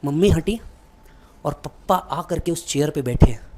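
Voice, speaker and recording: Man, motivational speech, dramatic storytelling, slightly high voice. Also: animated, moderate pace, background noise. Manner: dramatic storytelling, addressing listener directly. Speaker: motivational speaker.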